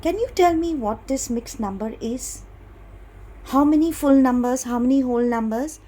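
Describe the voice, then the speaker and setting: Breathy indian english lady teaching little kids, slow and singsongy, kinda high voice. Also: warm tone. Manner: slow, patient, sing-song teacher talk, stretching key words. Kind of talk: online class lesson for young children.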